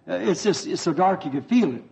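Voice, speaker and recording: A man preaching a revival sermon in a fervent, folksy way, pausing for his interpreter. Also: sits high, animated, creaky, warm tone. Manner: fervent, folksy, repeats himself. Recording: dull lo-fi old sermon tape.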